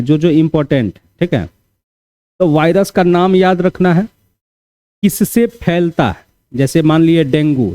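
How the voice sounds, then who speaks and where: A man's voice: a little high, dark tone, dry recording. A man teaching a class for exam preparation, talking casually and repeating key points with frequent check-ins to his students. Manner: repetitive, conversational teaching with frequent "theek hai" check-ins.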